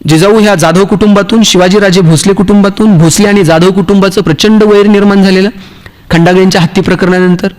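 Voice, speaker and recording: High-voiced Marathi man giving a motivational talk. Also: steady tone, fast talker, a little mellow. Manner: storytelling, acts out dialogue, jokes with the audience. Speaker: motivational speaker. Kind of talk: motivational speech with humorous stories.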